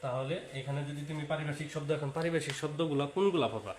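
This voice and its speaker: A man's voice: fairly high pitch, steady tone, fast. A man giving an exam-prep lecture to students, repeating key points and mixing in English words. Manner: repetitive, talks straight to students, sprinkles English words. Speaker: teacher. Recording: echoey room with faint hiss.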